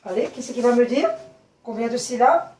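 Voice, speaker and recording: A woman teaching young children a phonics lesson, speaking slowly and clearly, repeating and spelling out words and often checking they follow. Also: a little high, lively intonation, noisy background. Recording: echoey room, voice from a distance.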